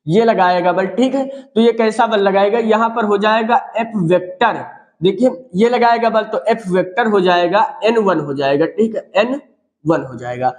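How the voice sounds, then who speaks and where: A man's voice: sits high, normal speed, roomy sound. A man teaching a physics lesson, repeating phrases and checking in often with his students. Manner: repetitive, checks in often with "theek hai" and "bhaiya". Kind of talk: classroom lecture explaining at a board.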